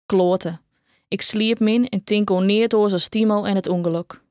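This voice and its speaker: Brief: woman doing soft-spoken Frisian teen boy, open and gentle, mid pitch, dry close read. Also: fairly even intonation, moderate pace, no room sound, lightly acted. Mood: sad.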